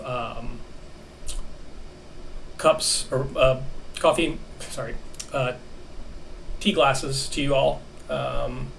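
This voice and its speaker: A man narrating as game master of a tabletop role-playing session, halting with many fillers. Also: mid-range voice, creaky, a bit bright, slight background noise. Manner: halting, many ums and restarts. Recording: distant mic with faint ambience.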